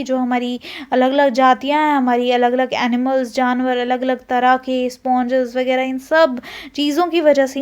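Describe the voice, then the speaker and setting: A woman's voice: sits high, a little mellow. A woman with an Indian accent teaching a zoology lesson, mixing Hindi and English terms with frequent restarts. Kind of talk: explaining a lesson.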